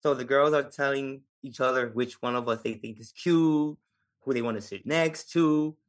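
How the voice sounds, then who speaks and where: A man's voice: medium pitch, steady tone, normal speed. Podcast guest: New York Puerto Rican man, casual storyteller, laughs a lot, street slang. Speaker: podcast guest, Navy veteran.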